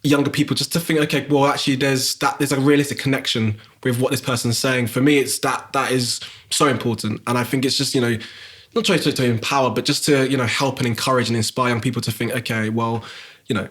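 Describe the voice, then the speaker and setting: South london guy on a podcast, talks quick, loads of you-knows, thoughtful. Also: mid-range voice, fairly even intonation, a bit bright. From England. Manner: reflective, many fillers and restarts. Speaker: guest, graphic designer. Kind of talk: podcast interview.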